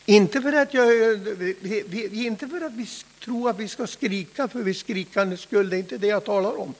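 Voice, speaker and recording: A man preaching a fervent Pentecostal sermon, swinging from hushed asides to loud shouts. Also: high voice. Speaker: pastor. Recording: long hall reverb.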